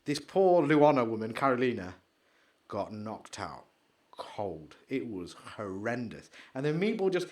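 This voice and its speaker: A man co-hosting a podcast, chatting excitably and rambling, trailing off into mumbles while he searches. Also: mid-range voice, measured pace. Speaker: podcast co-host. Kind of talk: casual chat.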